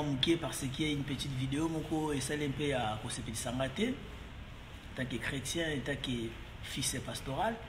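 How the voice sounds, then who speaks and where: A man's voice: mid-range voice, background noise. Rambling Congolese man in an echoey room. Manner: rambling, mixing French and Lingala, many fillers and repeats. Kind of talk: casual monologue to camera. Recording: roomy echo, long reverb, faint ambience.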